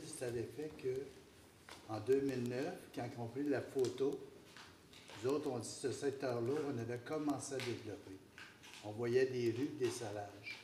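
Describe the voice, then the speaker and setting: A Québécois man speaks for the city at a council meeting and recounts what happened. His voice is dark and mellow. The chamber is echoey, with faint noise behind him. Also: mid-range voice. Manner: storytelling, conversational.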